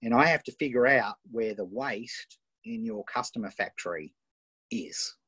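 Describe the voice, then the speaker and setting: Husky Australian man coaching eagerly. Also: medium pitch, sharp tone, dry recording. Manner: enthusiastic, quick-fire questions. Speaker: host and coach. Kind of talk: live online coaching session.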